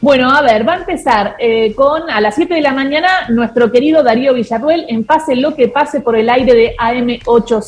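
Argentine lady hosting radio, chatty lineup rundown, a bit high, echoey studio. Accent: Argentine Spanish. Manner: lively, announcing a program lineup. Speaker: radio host. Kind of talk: casual on-air radio chat. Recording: roomy studio echo.

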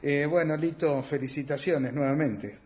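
A man with an Argentine accent conducting a conversational interview in a hesitant way, with many pauses and fillers. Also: on the high side, darkish tone, muffled recording. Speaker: radio interviewer.

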